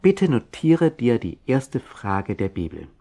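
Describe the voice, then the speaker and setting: A man's voice: medium pitch, big pitch swings, slow pace, dark tone. A man presenting a children's Bible program in scripted narration, instructing listeners directly.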